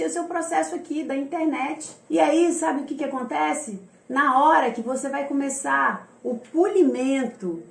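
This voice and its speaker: A woman's voice: high voice, reverberant. A Brazilian woman who coaches and mentors, giving a firm, emphatic motivational talk to the camera and acting out the voices of the people she quotes. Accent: Brazilian Portuguese.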